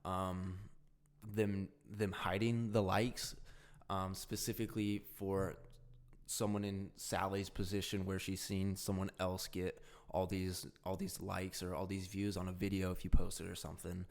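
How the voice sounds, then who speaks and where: A young male podcast co-host with a somewhat low voice, talking loosely and rambling. He fills his sentences with "like", "dude" and "you know what I mean", keeping it laid-back and chatty. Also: flat delivery, measured pace, gravelly. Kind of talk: casual chat.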